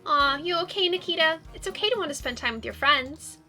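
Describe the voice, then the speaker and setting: A woman's voice: high voice, expressive, fairly quick, bright, forceful tone, soft background music, voice pushed up, heavily acted. A woman voicing a cheerful, caring, bubbly young woman in a visual novel, with a perky, encouraging way of talking.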